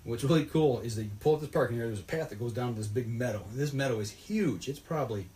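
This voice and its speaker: A man's voice: medium pitch, fast talker, a little hiss or hum. A man telling a rambling, folksy story about a fishing trip in casual podcast chat. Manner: rambling, folksy, animated retelling.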